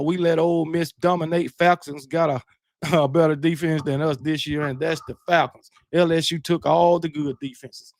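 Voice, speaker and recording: Middle-aged man, gravelly voice a touch high, laid-back slangy stream host, dry close mic. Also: no echo. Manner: relaxed, shout-outs, slangy banter. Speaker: livestream host. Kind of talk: casual late-night chat, reading viewer comments.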